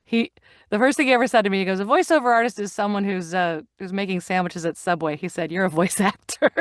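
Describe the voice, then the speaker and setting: A middle-aged woman, an actor and audiobook narrator, chats casually as an interview guest, telling stories and performing the lines she quotes. Her voice is medium-pitched and brisk, captured in a dry, clean studio recording.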